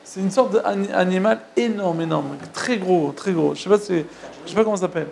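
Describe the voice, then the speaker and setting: A man with a high, gravelly voice tells old stories in a loose, spoken way. He stumbles and repeats words, restarts his sentences and turns to ask his listeners if they follow. The telling is casual and unscripted. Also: moderate pace, darkish tone. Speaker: storyteller. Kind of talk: casual oral retelling of religious tales.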